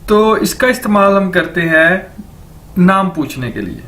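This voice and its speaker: A man teaching a recorded lecture, saying each word slowly and over and over for learners. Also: sits high, animated, a bit bright. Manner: repeats words slowly for learners. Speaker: language teacher.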